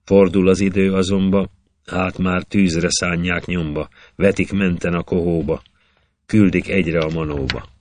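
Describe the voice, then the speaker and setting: A man reciting an epic poem in a measured, rhythmic verse delivery. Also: low voice, fairly even intonation, a little mellow. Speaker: poetry reader.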